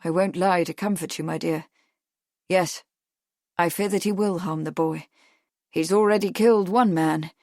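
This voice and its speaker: A woman narrator voicing a grim, steady Victorian gentleman who speaks calmly and gravely. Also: on the low side, normal speed, long pauses, dry recording, clean studio sound, lightly acted. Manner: calm, grave.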